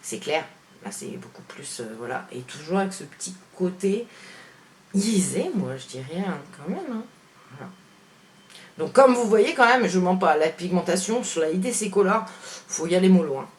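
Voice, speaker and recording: A woman's voice: on the low side, expressive, moderate pace, a little mellow. Chatty, frank woman reviewing makeup. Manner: chatty, hesitant, full of "voilà" and "hein" fillers; frank, opinionated. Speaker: beauty vlogger. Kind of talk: casual product comparison vlog.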